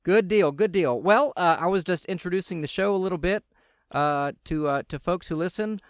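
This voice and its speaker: A man who is a pastor hosting a talk radio show, speaking casually and haltingly with many fillers. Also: high voice, clean tone, no room sound, studio quality. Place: radio studio.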